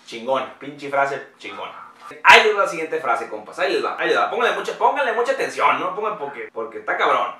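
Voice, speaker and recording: A man's voice: a little high, very animated, fast talker, bright, forceful tone, echoey room, recorded from a distance. A young man with a Mexican Spanish accent, ranting sarcastically and profanely as a comedy vlogger. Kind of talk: crude comedic rant.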